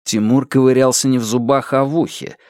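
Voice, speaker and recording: A man narrating an audiobook in a measured, expressive storytelling manner. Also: medium pitch, dry recording. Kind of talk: scripted narration. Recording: dry close mic.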